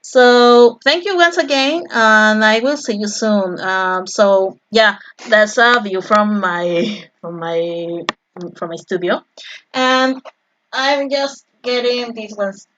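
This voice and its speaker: A woman's voice: mid-range voice, slow pace, a bit bright, highs cut off, a little hiss or hum. Rambling Peruvian-accented woman streaming. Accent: Peruvian Spanish. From Peru. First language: Spanish. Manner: rambling, chatty, friendly thanks to viewers. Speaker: artist live-streaming her painting. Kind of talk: casual live-stream chat. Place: home art studio.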